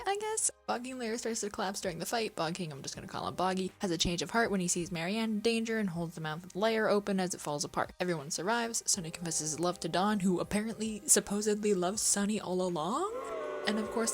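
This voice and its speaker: A woman's voice: mid-range voice, vocal fry. A young woman giving a casual, comedic movie recap, chatty and sarcastic with playful asides. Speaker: film reviewer.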